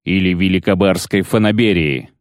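A man doing a gruff, curt witcher. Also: low-pitched, moderate pace, dry recording, lightly acted. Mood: sardonic. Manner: clipped, dry and sardonic. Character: gruff, terse male witcher, weary and skeptical.

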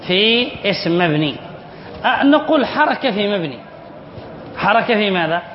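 A high-voiced man teaches a lesson, reading a text aloud and then explaining it. He repeats the key words and keeps quizzing his students as he goes. The sound is dull and lo-fi, and it echoes with a long reverb, as in a big hall. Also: very animated, moderate pace, a little hiss or hum. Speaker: sheikh teaching Arabic spelling rules.

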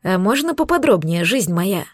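A woman's voice: mid-range voice, sing-song, normal speed, dry recording. Woman reading a devoted male demon, worried and tender, audiobook, dry sound. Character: anxious male demon, devoted to his mate.

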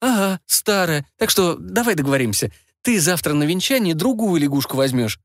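A man's voice: very animated, moderate pace, no room sound, clean studio sound. A man voicing a bossy enchanted frog-girl. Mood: exasperated. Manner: bossy, exasperated, high-pitched. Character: enchanted frog, really a sharp 25-year-old woman. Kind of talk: audiobook character voice.

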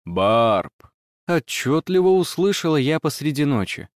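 Man reading a story, slightly high voice. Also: expressive, normal speed, no room sound, studio quality. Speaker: narrator. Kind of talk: first-person story reading.

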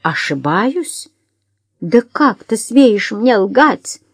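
A woman's voice: a little mellow, no echo, clean studio sound, close to an everyday voice. A woman doing a drunk, raging society woman. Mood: furious. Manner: shrill, jeering, slow and scornful.

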